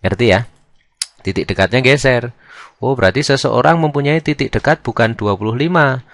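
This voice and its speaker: A man's voice: medium pitch, normal speed, a bit bright, no room sound. A young man, teaching physics in a casual lesson. He asks questions in his own voice and answers them, filling the talk with "nah" and "kan gitu". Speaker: physics tutor.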